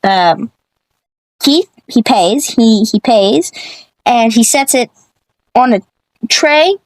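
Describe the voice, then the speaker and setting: A woman telling a rambling comedic story full of swearing, self-corrections and deadpan asides. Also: on the high side, slow pace, no room sound, rough recording.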